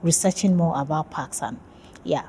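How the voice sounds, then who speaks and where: Woman from nigeria, PhD student, low mellow voice, friendly, hesitant, faint hiss. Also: normal speed. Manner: friendly, hesitant, many fillers. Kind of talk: casual interview.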